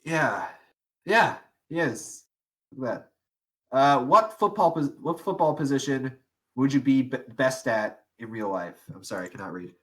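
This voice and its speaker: A man's voice: mid-range voice, lively intonation, moderate pace. A young man co-hosting a casual podcast, rambling with lots of fillers, restarts and frequent laughs. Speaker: podcast co-host. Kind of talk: casual chat.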